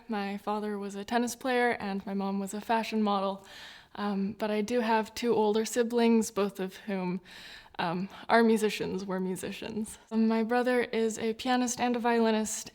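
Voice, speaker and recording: A violinist in her twenties, originally from New Zealand but raised in the United States, reflects in a documentary interview and laughs often. Her voice is fairly high with a darkish tone.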